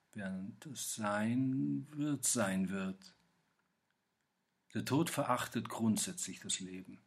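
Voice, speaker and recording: Slow, husky man reading poetry. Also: on the low side. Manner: slow, measured recitation with pauses. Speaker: reader.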